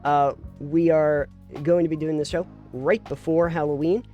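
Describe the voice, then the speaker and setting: A man's voice: fairly high pitch, little pitch movement, moderate pace, muffled recording, faint music behind. A man co-hosting a casual podcast chat, playful and rambling, often laughing and filling gaps with "uh". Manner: playful, giggly, rambling with many fillers. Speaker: podcast co-host.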